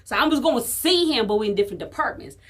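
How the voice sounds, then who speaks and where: Woman podcast co-host from Chicago, profane, animated storyteller, higher, bright voice. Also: fast. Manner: animated, profane, acts out quoted dialogue. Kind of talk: casual storytelling chat.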